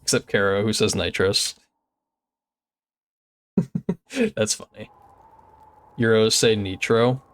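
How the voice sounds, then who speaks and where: A man's voice: on the low side, steady tone, normal speed, fairly bright tone, clear, resonant tone, no room sound. A young man streaming a game, chatting casually with his chat and sprinkling in lots of "like"s. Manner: chatty and easygoing, many filler "like"s. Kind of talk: casual gameplay commentary, reading chat.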